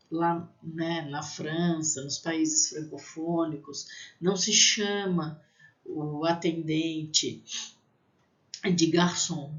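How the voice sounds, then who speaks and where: Slow teacher drilling pronunciation. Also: mid-range voice, highs cut off. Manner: spells out letters and repeats words slowly. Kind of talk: pronunciation lesson.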